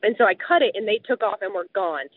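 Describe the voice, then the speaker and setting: Speaking at a quick pace with an animated, medium-pitched voice, a woman relates a close call as a guest sharing her survival story. It's casual storytelling, full of "like" as a filler, and the dry recording has a tinny, phone-like quality.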